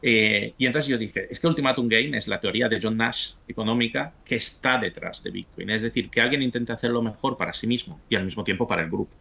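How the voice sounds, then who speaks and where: Hombre nacido en Italia, cuarentón, voz algo grave, timbre nítido e intenso, habla mucho, se corrige a menudo. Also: male voice, on the low side, fast talker, gravelly, hardly any pauses, pushed and bright. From Italy. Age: 40s. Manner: talkative, many restarts and stumbles. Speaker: guest, university professor. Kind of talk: casual interview conversation.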